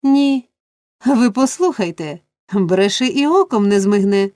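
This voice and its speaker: A woman voicing a loud, wailing young woman. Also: medium pitch, expressive, normal speed, dry recording, clean studio sound, lightly acted. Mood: shrill pleading. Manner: wailing, pleading exclamations.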